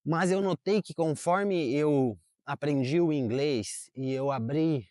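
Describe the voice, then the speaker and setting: Talking to the camera in a park, this young Portuguese-speaking vlogger keeps things casual and chatty, full of fillers and self-corrections. He speaks slowly in a voice on the high side with a darkish tone. The sound is dry and clean, like a studio.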